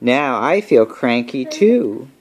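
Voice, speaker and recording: A man voicing an excitable male pig from a picture book, calling out loudly. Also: mid-range voice, slow pace. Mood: grumpy.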